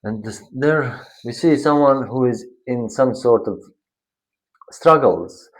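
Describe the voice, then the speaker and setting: A man giving a spiritual tarot reading, slow and meandering, often searching for his words. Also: mid-range voice, low-quality recording. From Bosnia. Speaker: tarot reader.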